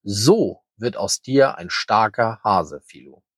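A man voicing a very old, calm and kind grey male hare in a children's story, speaking gently and wisely. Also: on the low side, slow pace, no echo, clean studio sound, exaggerated voice. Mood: gentle. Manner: gentle, soothing, wise.

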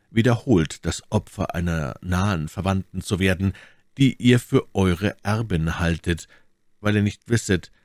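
A man voicing a refined musketeer in an audiobook reading, reading a letter carefully and softly. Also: deep voice, no echo, clean studio sound.

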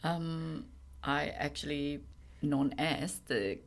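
A middle-aged woman from Singapore with a Singaporean accent, a venue owner chatting as an interview guest in halting, plain phrasing. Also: low-pitched, creaky. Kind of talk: casual interview chat.

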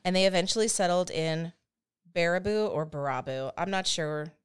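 A woman's voice: fairly low pitch, fairly even intonation, fairly quick, clean tone. A woman in her thirties hosting a podcast, telling a history story in a chatty, self-deprecating way with frequent laughs. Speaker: podcast host. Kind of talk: casual storytelling chat.

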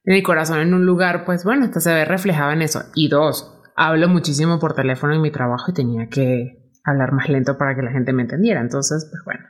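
A woman's voice: low voice, fast. A woman hosting a casual conversation, telling stories and acting out quoted voices. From Venezuela. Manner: animated storyteller who acts out quotes. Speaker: podcast host.

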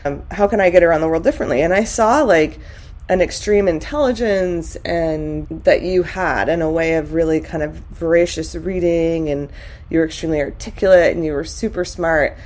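A woman's voice: deep voice, normal speed, a little mellow. A middle-aged woman from California chatting candidly on a podcast, reflective, with many fillers. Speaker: guest. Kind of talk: casual podcast conversation.

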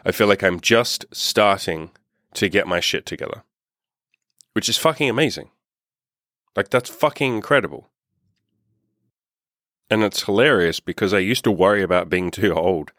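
A man's voice: deep voice, normal speed, pauses often, a bit bright, no room sound, clean studio sound. A man in his thirties, a dating and self-improvement coach, talking candidly and upbeat in a casual podcast monologue, swearing freely. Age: 30s. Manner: candid, upbeat and heavily profane.

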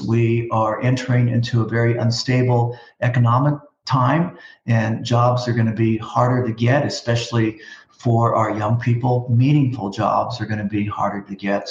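A man hosting a school district interview show, speaking in a measured way with some hesitant fillers. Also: medium pitch, echoey room, muffled recording. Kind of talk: hosted interview.

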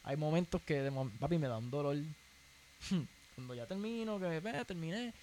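Animated Puerto Rican man telling stories. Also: a little high, measured pace, a little hiss or hum. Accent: Puerto Rican Spanish. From Puerto Rico. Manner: animated storytelling, slangy, keeps saying "papi". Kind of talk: casual podcast chat.

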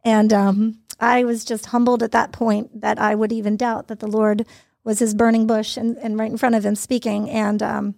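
Woman with a raspy highish voice sharing her story, earnest, dry room. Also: flat delivery, moderate pace, a little mellow, dry recording. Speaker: interview guest, mother. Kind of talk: personal testimony, casual storytelling.

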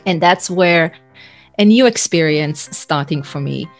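Over a video call, a woman from Israel whose first language is Hebrew reflectively recounts her life story as a guest, often restarting her sentences. Her voice is low and unhurried, with faint music behind her, in a conversational storytelling style.

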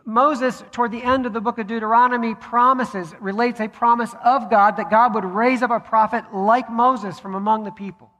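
A man preaching a sermon as pastor, measured, with deliberate pauses. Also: very high voice, steady tone, pushed and bright. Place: church sanctuary. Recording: long hall reverb.

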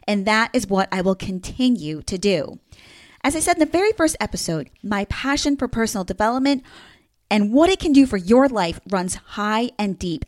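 Lively upbeat New Jersey woman podcaster. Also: on the high side. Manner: upbeat, emphatic, playfully sarcastic. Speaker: podcast host. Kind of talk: solo podcast monologue.

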